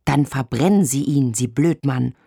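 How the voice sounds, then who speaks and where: A man's voice: fairly high pitch, normal speed, no room sound, studio quality, voice pushed up, close to an everyday voice. A male reader voicing an irritated stranded driver on the phone, impatient and rude, in a storybook reading. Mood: insulting. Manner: impatient, brusque, insulting.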